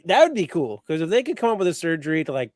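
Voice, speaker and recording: A man on a casual podcast telling self-mocking stories in a deadpan way. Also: fairly high pitch, racing, dry recording, clean studio sound. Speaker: co-host.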